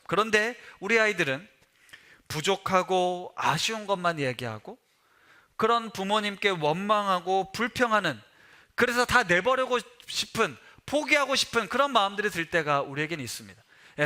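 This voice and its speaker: A man preaches a sermon in a high, ringing voice with a very bright, forceful edge. He talks with his congregation more than at them and keeps asking them questions. His tone is that of a pastor leading a sermon.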